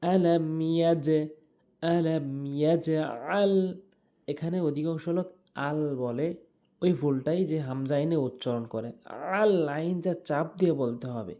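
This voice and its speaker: A man teaching correct Quran recitation, explaining pronunciation and then reciting the examples slowly and melodically. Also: fairly high pitch, warm tone. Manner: drawn-out melodic recitation between plain explanations. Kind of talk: tajweed lesson with slow recited examples.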